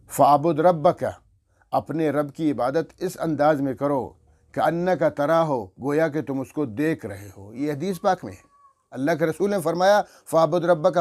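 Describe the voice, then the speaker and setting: A male religious teacher speaks in an earnest, instructive way, with a voice of ordinary pitch for a man. He stops to recite prayer phrases slowly and deliberately, showing how each word should be heard clearly. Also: darkish tone. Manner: earnest, instructive, corrects by demonstrating. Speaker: Quran teacher.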